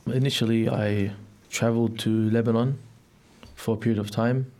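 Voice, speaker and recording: A young man from Melbourne, Australia, is an interview guest answering questions in a studio, reflective and a bit hesitant. His voice is medium in pitch and warm, with a steady tone and a moderate pace.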